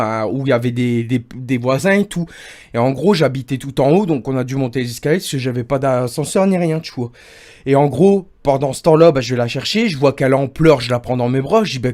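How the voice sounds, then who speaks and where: A man's voice: mid-range voice, darkish tone. Rambling man recounting a dream. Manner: rambling, keeps repeating "en gros" and "et tout". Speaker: livestreamer. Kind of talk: casual storytelling to a friend on stream.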